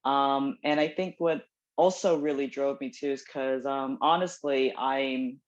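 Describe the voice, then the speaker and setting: A woman in her forties, from South Korea and raised in New Jersey, chats casually from home as a playwright guest in an interview. She's full of ums and self-deprecating asides while a dog barks nearby. Her rumbling low voice keeps a steady tone and a measured pace, heard through dull lo-fi call audio.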